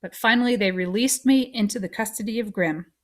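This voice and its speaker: A woman's voice: mid-range voice, fairly quick. A woman reading a novel aloud, narrating expressively in the first person. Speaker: audiobook reader.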